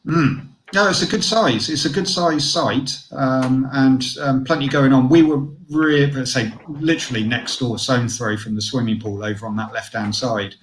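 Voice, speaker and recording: A man's voice: medium pitch, normal speed, hardly any pauses, echoey room, a little hiss or hum. A man reviewing a caravan site in a casual online show, chatty, with lots of fillers and restarts.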